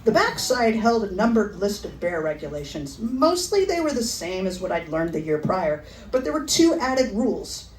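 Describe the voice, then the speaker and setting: A middle-aged woman performing a personal memoir at a live storytelling event, with a wry, animated delivery. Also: mid-range voice, moderate pace, few pauses, echoey room, recorded from a distance, poor audio.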